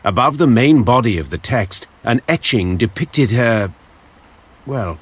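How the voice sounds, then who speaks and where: An actor playing a storyteller who narrates a war tale in a video game, measured, literary and wry. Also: male voice, mid-range voice, animated, breathy edge. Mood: storytelling. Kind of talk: scripted dramatic storybook narration.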